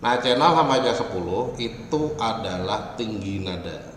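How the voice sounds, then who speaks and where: A man giving an online lecture on music software, explaining slowly and often ending phrases with a checking "ya". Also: on the low side. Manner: explains slowly, with frequent "ya" tags. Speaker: university lecturer. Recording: echoey, reverberant room, faint ambient noise.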